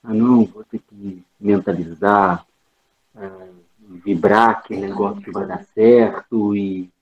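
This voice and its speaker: Man, lowish husky voice, on a video call with his phone held away, tinny phone line, hesitant and repetitive. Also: fairly even intonation, slow. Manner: hesitant, repeats words and restarts. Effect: talking on a video call with the phone held away, sound low and distant. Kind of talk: casual group video-call chat.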